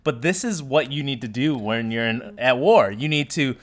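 A man's voice: medium pitch, animated, normal speed. A man in the middle of his range hosts a laid-back podcast recap. He talks at an easy, chatty pace and sometimes drops in an "um" while he gathers his thoughts. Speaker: podcast host. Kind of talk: casual podcast chat.

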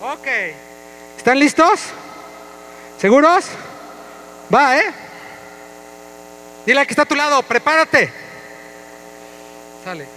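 A man, a pastor leading an energetic, playful interactive sermon with his congregation in a church. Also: very high voice, slow pace, long pauses, a little hiss or hum, poor audio. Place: church hall.

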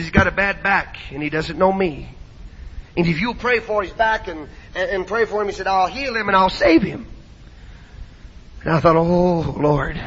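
Fervent male preacher, high bright voice, old muffled church-hall recording. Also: husky. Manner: fervent, shouting hallelujahs. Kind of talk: sermon.

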